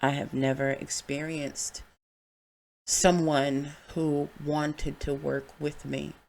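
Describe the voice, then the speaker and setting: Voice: medium pitch, little pitch movement, slow pace, gravelly, a little mellow. A podcast host giving a candid, heartfelt solo monologue, with casual swearing.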